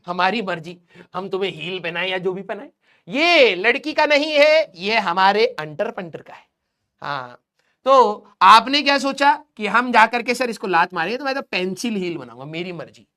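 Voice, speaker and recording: High-voiced teasing male teacher. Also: sharp tone. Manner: teasing, roasting students while drawing. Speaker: physics teacher. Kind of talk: joking classroom lecture.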